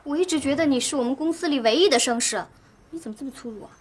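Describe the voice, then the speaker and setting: An actress playing a chatty, teasing young office coworker in a TV drama. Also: female voice, high-pitched, rapid-fire, natural voice. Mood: gossipy. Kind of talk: TV drama acting.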